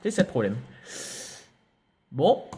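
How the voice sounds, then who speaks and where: A young man giving excitable let's play commentary, yelping and laughing at enemies. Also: medium pitch, slow pace, breathy edge. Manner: excitable, shouts and yelps at enemies, laughs often. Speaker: gaming youtuber.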